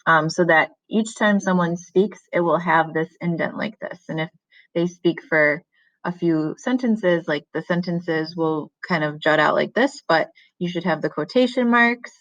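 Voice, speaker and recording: A woman's voice: lowish voice, measured pace, fairly bright tone, no room sound, highs cut off. A woman teacher giving a recorded writing lesson, explaining casually with frequent ums.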